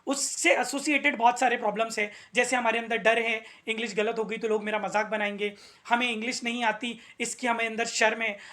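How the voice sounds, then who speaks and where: A man's voice: extremely high pitch, little pitch movement, brisk, pushed and bright. A male English teacher giving a motivational video lesson, earnest, repeating his key points and asking rhetorical questions.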